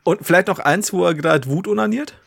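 A man's voice: high voice, fast talker, gravelly, breathy edge. A man co-hosting a podcast, explaining things casually and laughing often. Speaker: podcast co-host. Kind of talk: casual chat.

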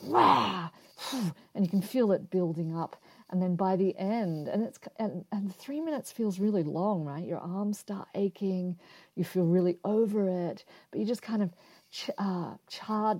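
A woman giving calm, encouraging relationship advice, speaking straight to the listener in an instructional talk. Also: low voice.

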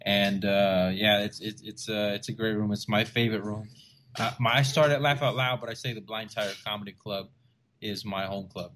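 A man's voice: on the low side, normal speed, a little hiss or hum. A man from the Rio Grande Valley in Texas, a stand-up comedian guest telling stories in a casual interview and acting out what people said. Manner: animated storyteller who acts out quoted voices.

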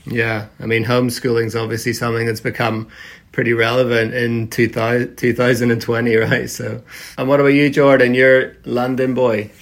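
A man in his thirties from Northern Ireland leading a casual podcast chat, relaxed and full of fillers. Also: medium pitch, normal speed. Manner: relaxed, lots of fillers and hedges. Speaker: podcast conversation lead.

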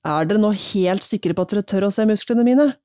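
A small schoolboy in a storybook speaks calmly and with quiet confidence as a woman reads him aloud. The voice is mellow and dark. The sound is close and dry. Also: medium pitch, smooth, dry recording, natural voice. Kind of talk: reading a children's book aloud.

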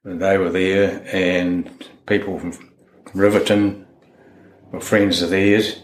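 A man's voice: deep voice, level tone, takes it slowly. A plain-spoken man with a broad New Zealand accent, informally recalling events in an interview, with mild swearing. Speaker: interviewee, friend of the person discussed. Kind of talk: informal recollection in a sit-down interview. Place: indoors in a house. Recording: roomy, echoey home interview.

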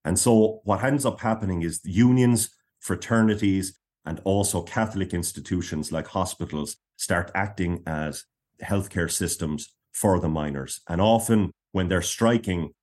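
A man with a deep, low-pitched voice talks as an interview guest. He tells history in a measured way, laying out points in short phrases. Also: darkish tone. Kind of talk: explanatory interview talk.

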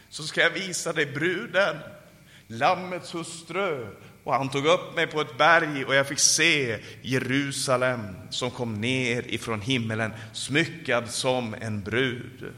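A man preaching a sermon at a summer conference and closing in fervent prayer. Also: pushed and bright. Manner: fervent, rising to calls and dropping low in prayer. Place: conference hall. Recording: live sermon in a reverberant hall.

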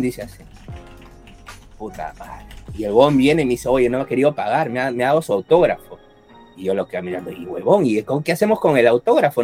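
A man telling an animated, swear-filled story in casual chat and acting out the voices as he goes. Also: medium pitch, husky. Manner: animated, profane anecdote-telling, acts out voices.

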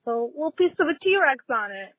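A woman's voice: high voice, very animated, a little fast, no room sound. A woman leaving a chatty, upbeat voice message as a podcast listener calling in. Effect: played-back voice message. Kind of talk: casual voicemail. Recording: tinny dry phone-line recording.

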